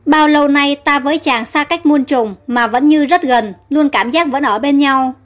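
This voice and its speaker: A woman's voice: high-pitched, normal speed, faint music behind, natural voice. A woman voicing a desperate, loyal young captive woman with a pleading, emotional manner in a storybook reading.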